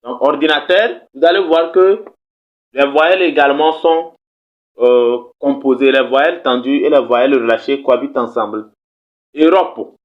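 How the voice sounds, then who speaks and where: A man's voice: medium pitch, normal speed. A man teaching a language lesson on video, speaking patiently, repeating words and checking that viewers follow. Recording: slightly dull, lo-fi recording.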